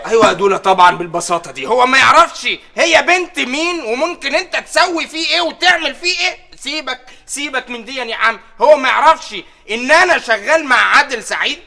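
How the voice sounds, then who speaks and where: A dopey egyptian sidekick, rattles on super fast, laugh track going. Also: male voice, extremely high pitch, expressive, gravelly, crowd noise, heavily acted. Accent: Egyptian Arabic. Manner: rambling, slow on the uptake, keeps repeating "يا دولة". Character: dim-witted, rambling male sidekick. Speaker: assistant.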